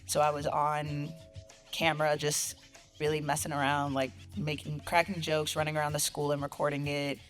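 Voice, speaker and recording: A young woman guest journalist chatting in an interview, soft-spoken with a clear, radio-ready way of talking. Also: low voice, little pitch movement, normal speed, faint music behind. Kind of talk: casual interview chat.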